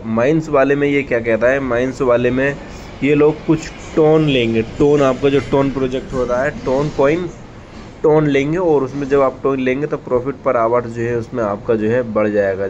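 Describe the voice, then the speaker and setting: A man gives a relaxed, step-by-step voice-over for an app tutorial, padding his sentences with the same fillers again and again. His mid-pitched voice comes through slightly dull, lo-fi audio. A faint noise sits under the whole recording. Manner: repetitive fillers, frequent "ठीक है". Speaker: tech tutorial host. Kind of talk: casual screen-recorded app walkthrough.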